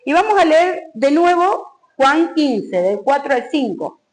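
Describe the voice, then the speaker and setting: A woman's voice: sits high, sing-song, slow pace, rough recording. A woman pastor with a Rioplatense Spanish accent, preaching a sermon and acting out a story with dramatic rises. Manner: preaching with rising exclamations and dramatic retelling.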